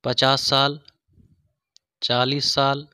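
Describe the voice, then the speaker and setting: A man reading religious quiz questions, pausing over each option before he gives the answer. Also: mid-range voice, level tone, bright, forceful tone, clean tone, no echo, clean studio sound. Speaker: quiz host. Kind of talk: scripted quiz narration.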